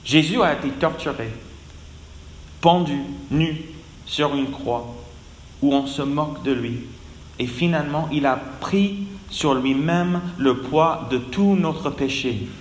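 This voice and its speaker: Slow-speaking preacher man in echoey hall. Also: fairly high pitch, slight background noise. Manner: slow, earnest, voice dropping at phrase ends. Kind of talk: sermon. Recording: echoey hall with long reverb.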